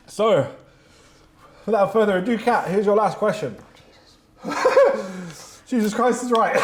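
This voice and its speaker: A man hosting a casual interview during a hot wing challenge, chatty and laughing as he reacts to the heat. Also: sits high. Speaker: host.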